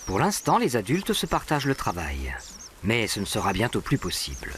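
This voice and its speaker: Male nature documentary narrator, lively intonation. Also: on the low side, moderate pace, a little hiss or hum. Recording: animal and bird sounds behind. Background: birdsong and natural ambience.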